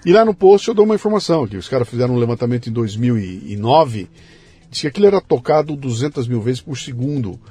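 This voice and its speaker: A man hosting a podcast in relaxed conversation, often trailing off quietly at the ends of phrases. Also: medium pitch, fast, slightly rough. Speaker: podcast host. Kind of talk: casual podcast chat.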